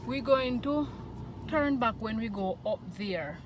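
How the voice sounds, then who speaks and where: A woman's voice: fairly high pitch, expressive, measured pace. A woman with a Jamaican accent talking like a driving instructor, giving short repeated directions in a casual vlog. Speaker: mother giving a driving lesson, vlogger. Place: inside a small car. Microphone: camera on tripod at arm's length. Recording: noisy moving car interior.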